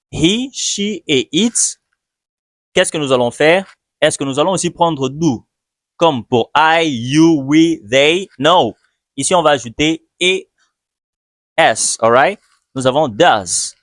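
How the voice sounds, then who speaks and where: A man teaching English in a video lesson, speaking patiently and repeating each example slowly. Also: a little high, a bit bright, no room sound. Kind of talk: video lesson, slow explanation.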